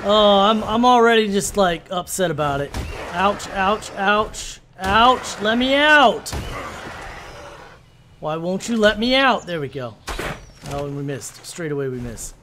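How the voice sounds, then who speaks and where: A man hosting a gaming video, giving let's-play commentary in an animated, exasperated, mock-ranting way. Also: high-pitched, unhurried, slight background noise. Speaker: gaming channel host.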